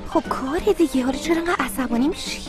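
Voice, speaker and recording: An actress dubbing a cheeky, playful young female employee in a TV drama, teasing and lively. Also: very high voice, over music. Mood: calm. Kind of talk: dubbed TV drama acting.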